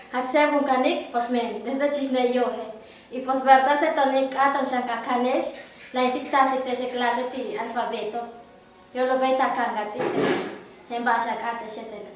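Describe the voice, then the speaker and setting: A young woman from Yucatán, Mexico, reads out letter lists slowly and carefully in a high voice. She sounds distant, caught in a very echoey room. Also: slight background noise. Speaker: language teacher. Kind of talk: teaching lesson. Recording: echoey room, far from mic.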